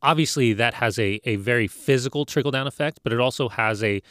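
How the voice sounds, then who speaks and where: A man's voice: mid-range voice, fast talker, a bit bright, dry recording, clean studio sound. A middle-aged man hosting a casual interview in a rambling, familiar, anecdotal way. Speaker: interview host.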